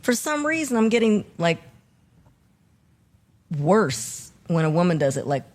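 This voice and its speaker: A woman on a casual panel talk answers haltingly, starting and restarting her thoughts. Her pitch swings widely as she reacts with quick exclamations. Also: big pitch swings, darkish tone. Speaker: panel guest.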